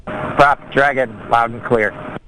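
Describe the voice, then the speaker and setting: Astronaut on a helmet intercom: a man, terse procedural calls, sharp tone, faint hiss. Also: medium pitch, slow pace, rough recording. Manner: clipped, procedural call-and-response. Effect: helmet headset intercom over a comm loop. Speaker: astronaut crew member in the capsule. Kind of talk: terse radio comm check.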